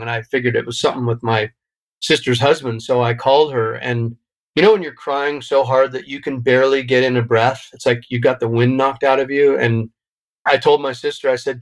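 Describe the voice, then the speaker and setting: Middle-aged man, interview guest, reflective, emotional, halting restarts, mid-pitched voice. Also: poor audio. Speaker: podcast guest. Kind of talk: interview conversation.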